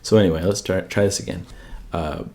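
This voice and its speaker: The presenter of a coding tutorial channel, a man with a low, steady, slightly mellow voice, talks fairly quickly through an informal screencast. He thinks aloud and often checks in with rhetorical questions.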